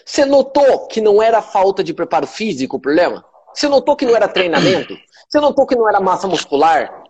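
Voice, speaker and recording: A man with a Brazilian Portuguese accent talks fast in a high-pitched, husky voice with a darkish tone and big pitch swings. Hosting a motivational live stream for followers, he's emphatic and repetitive and swears freely.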